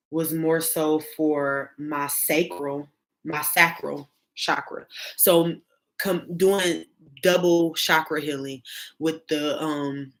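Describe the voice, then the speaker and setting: A woman of thirty with a low voice talks casually as a tarot reader. She hesitates a lot, with many fillers and restarts as she works through her thoughts. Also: low-quality recording. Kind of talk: casual spiritual vlog chat.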